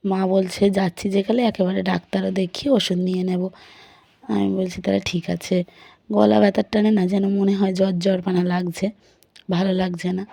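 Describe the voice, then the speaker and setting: A woman's voice: medium pitch, flat delivery, moderate pace, creaky, warm tone, no room sound. A young woman with a sore throat, chatting through her day in a casual vlog and recounting her chores and family talk. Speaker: vlogger. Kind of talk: casual daily vlog narration.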